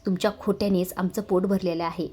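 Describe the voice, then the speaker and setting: A woman's voice: on the low side, steady tone, fast talker, warm tone, breathy edge. A woman voicing a resentful teenage girl in a retold TV serial, speaking coldly. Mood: cutting. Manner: cold, cutting.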